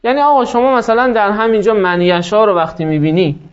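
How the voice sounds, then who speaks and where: A man's voice: sits high, smooth, dull audio. A male teacher giving a classroom lecture. He explains step by step and asks questions that he then answers himself. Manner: explanatory, poses and answers his own questions.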